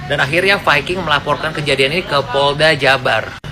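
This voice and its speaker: Casting: man, a bit higher pitch, plain news narration. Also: brisk, crowd noise.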